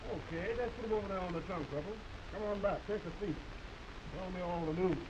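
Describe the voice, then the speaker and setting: Actor playing a friendly curious homesteader guy, highish voice, measured 1930s talkie delivery, lots of film hiss. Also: lightly acted. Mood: welcoming. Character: genial, curious bachelor homesteader, plain-spoken and calm. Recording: dull, hissy, noisy 1931 film soundtrack.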